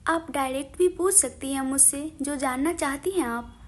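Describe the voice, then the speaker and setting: A woman doing a soft-spoken teasing husband. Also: normal speed, natural voice. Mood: fondly teasing. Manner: soft, lowered, gently teasing. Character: affectionate teasing young husband.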